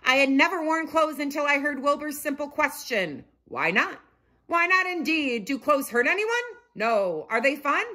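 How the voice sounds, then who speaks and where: A woman voicing a wise, regal old male naked mole rat who speaks slowly and grandly. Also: high-pitched, very animated, bright, forceful tone, pitched above the performer's own voice, full character voice. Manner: slow, grand and solemn.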